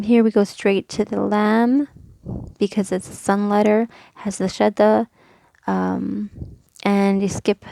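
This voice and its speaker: A woman explains reading rules in a patient, methodical lesson, pausing with ums and fixing her own slips. Her voice is mellow and a bit gravelly, with little rise and fall. The sound is dry and close, with no room around it. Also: mid-range voice, no echo. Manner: patient, methodical, with frequent ums and self-corrections. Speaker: Quran reading teacher. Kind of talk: casual recorded lesson, explaining rules step by step.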